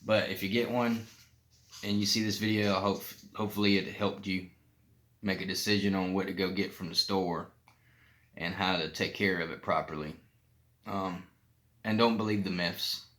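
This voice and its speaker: Low-voiced man talking through a swollen mouth. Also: steady tone, moderate pace, pauses often, fairly bright tone. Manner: plain-spoken, informal, loosely rambling. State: talking with a painfully swollen mouth from an abscessed tooth. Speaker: vlogger sharing personal experience. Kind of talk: casual explanatory vlog talk.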